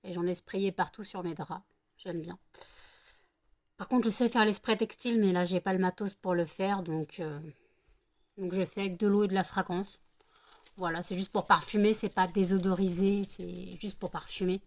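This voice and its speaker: A woman's voice: mid-range voice, fairly even intonation, moderate pace. A French woman vlogging at home, chatting and cooing baby talk to her dogs with playful teasing. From France. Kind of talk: casual chat to her dogs.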